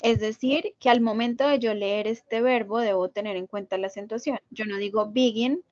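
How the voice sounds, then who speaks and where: A woman's voice: mid-range voice, steady tone, normal speed, darkish tone, no room sound. A woman teaching an English grammar class online, explaining patiently step by step and checking in with her students. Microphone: video call. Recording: lo-fi video call audio.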